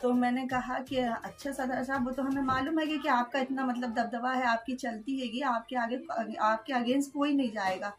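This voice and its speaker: A woman's voice: sits high, steady tone, normal speed, few pauses, soft background music. A woman recounting an incident to an interviewer, quoting the people involved as she tells it. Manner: storytelling, quoting others' words, frequent "haan, ji". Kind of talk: emotional first-person account.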